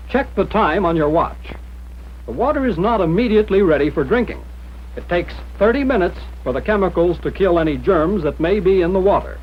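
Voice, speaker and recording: An American man reading scripted instructions in the formal, measured manner of a 1940s military training film narrator. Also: sits high, husky. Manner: mid-century newsreel-style narrator, formal, measured instruction. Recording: dull, lo-fi 1940s film soundtrack.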